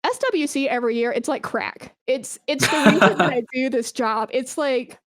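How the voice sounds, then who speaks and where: This esports brand manager, interviewed informally on a podcast, is effusive and emphatic about what she does. She has a high, fairly bright voice at a moderate pace, and the studio sound is clean and dry.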